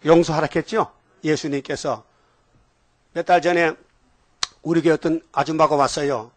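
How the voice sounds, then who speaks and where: A man's voice: on the high side, fairly even intonation, normal speed, dry recording. A male pastor preaching a sermon, scolding his congregation with rhetorical questions and calling on them to repeat after him.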